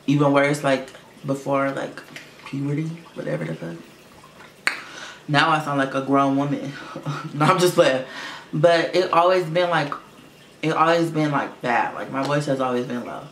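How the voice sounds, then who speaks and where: Steady in tone, a little slow, and given to long pauses, a young man with a slightly bright voice rambles casually to camera in a storytime vlog, swearing and using many fillers. He says his voice, low for a boy, sounds like a girl's. Recorded in a room at home with roomy echo and faint fish tank filter hum.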